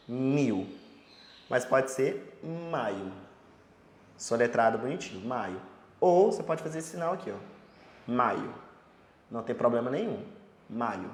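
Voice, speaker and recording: A man with a Brazilian Portuguese accent and a medium-pitched voice teaches sign language in a relaxed lesson. He explains patiently with everyday examples and slowly repeats each sign word. The recording sounds roomy, with a long, echoing reverb.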